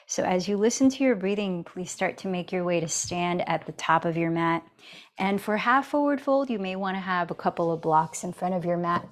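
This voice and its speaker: A woman guiding a yoga class and breathing practice, talking slowly and softly and counting out breaths. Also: on the low side. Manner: slow, soft and soothing, counting breaths. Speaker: yoga instructor. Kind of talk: guided yoga and breathing instruction.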